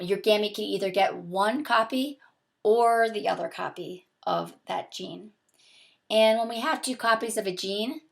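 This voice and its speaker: A woman's voice: medium pitch, vocal fry. A young adult woman with a sore, throaty voice, patiently explaining step by step in a recorded video lesson. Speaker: biology teacher. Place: small home room with a window, indoors.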